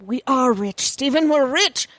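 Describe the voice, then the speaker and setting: A woman in an improvised comedy scene, talking briskly and deadpan. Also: high-pitched, dry recording.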